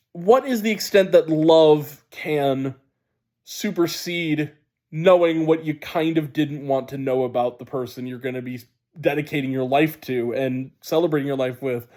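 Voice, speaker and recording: A man with a wheezy, sinus-congested voice gives a casual spoken movie review in an emphatic, halting way. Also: a little high, a little mellow. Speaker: film reviewer.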